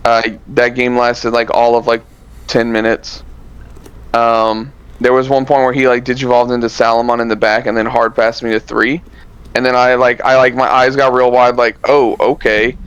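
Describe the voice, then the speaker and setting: A man's voice: mid-range voice, moderate pace, clean tone, dull audio. A man co-hosting a card game podcast, recapping tournament rounds in a loose, rambling way with lots of fillers. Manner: relaxed, rambling, many fillers and self-corrections. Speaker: podcast co-host.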